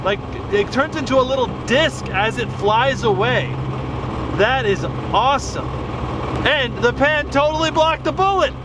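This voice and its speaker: A man hosting a gadget test vlog outdoors, talking with loud enthusiasm and frequent exclamations. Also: extremely high pitch, animated, unhurried. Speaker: YouTube gadget test host. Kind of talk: excited outdoor experiment vlog. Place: outdoors at a shooting range. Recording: noisy outdoor recording.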